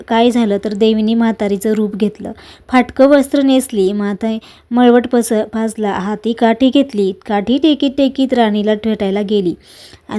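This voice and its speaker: A woman narrating a devotional folk story in a measured storybook manner. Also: fairly high pitch, dark tone.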